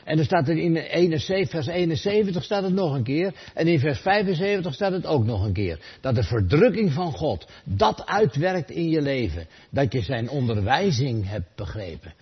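A man preaching a sermon, asking rhetorical questions and answering them, rising loud and then dropping soft. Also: fairly high pitch, lively intonation, normal speed, few pauses, husky. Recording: dull lo-fi sound.

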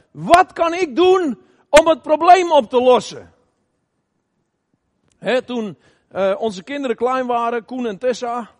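A middle-aged man preaching an emphatic sermon in a church, asking the congregation questions and sometimes shouting. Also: very high voice. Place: church hall. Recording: long reverb of a church hall.

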